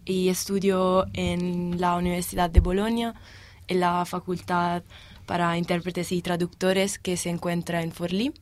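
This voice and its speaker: A young woman in her twenties from Italy, speaking Spanish as a second language with an Italian accent, answering interview questions with pauses while she searches for words. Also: fairly low pitch, little pitch movement. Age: 20s. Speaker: guest, exchange student.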